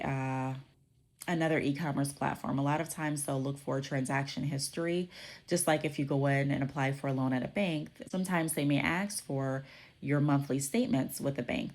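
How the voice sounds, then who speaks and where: A woman hosts her own podcast, explaining business topics conversationally while congested from a cold and often checking in with "okay?". Her voice is deep with a darkish tone.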